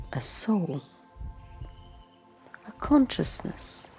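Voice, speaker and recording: In a very slow, mellow, soft-edged voice on the low side, a woman leads a guided meditation, with a noticeable creak in her tone. She gives gentle, unhurried instructions in short phrases separated by long pauses. Faint music and nature sounds play behind her.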